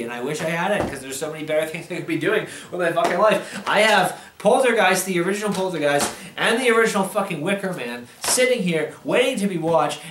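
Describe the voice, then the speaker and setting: A man with a fairly high voice rants through a film review in a roomy, echoing space. He sounds drunk and angry, rambling and losing his thread between bursts of swearing. His pitch swings widely as he vents his exasperation. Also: noisy background. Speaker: movie reviewer.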